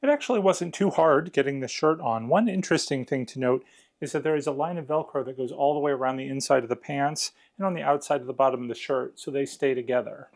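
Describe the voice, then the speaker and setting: Male product reviewer, conversational, walking through steps with noticeable vocal fry. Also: mid-range voice, fast. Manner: conversational, explanatory. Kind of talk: casual hands-on unboxing and review narration.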